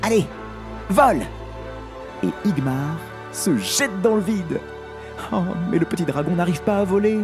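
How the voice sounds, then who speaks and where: A man narrating a children's audio story in a playful, expressive way. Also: high-pitched, moderate pace, over music.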